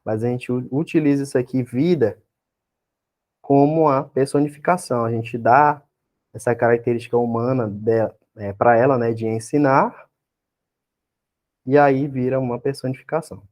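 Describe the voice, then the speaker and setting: A Brazilian man gives an exam-prep lecture in a mellow, warm voice at a middle pitch. He works through each point patiently and keeps asking his class questions to check that they are following. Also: normal speed. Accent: Brazilian Portuguese. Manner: explains step by step, constantly checks in with tag questions and rhetorical questions. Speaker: teacher.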